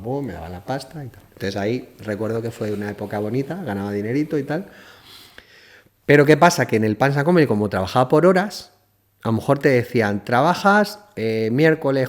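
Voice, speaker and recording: A middle-aged man from Spain, telling casual stories and acting out dialogue as a podcast guest. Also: medium pitch. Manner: lively anecdotes, acts out dialogue, laughs often. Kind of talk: casual storytelling.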